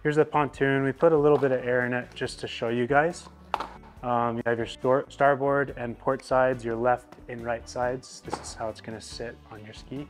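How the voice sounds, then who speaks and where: Young man, casual how-to host, relaxed explainer, garage setting, faint music behind. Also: mid-range voice, normal speed. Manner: relaxed, explanatory, many fillers. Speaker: product installer. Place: indoor garage.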